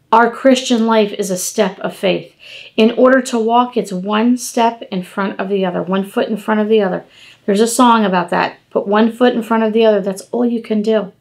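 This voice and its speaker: A woman in her fifties giving an informal devotional talk at home, animated and conversational, speaking to the camera from across a table. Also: medium pitch. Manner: animated, gesturing, conversational preaching. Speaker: devotional podcast host. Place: home dining room, indoors.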